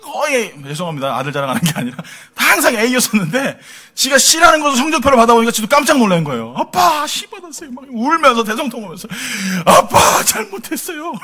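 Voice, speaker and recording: Bright-voiced Korean pastor, high and lively. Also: male voice, gravelly. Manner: conversational preaching with humor and rhetorical questions. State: tired from lack of sleep. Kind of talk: sermon.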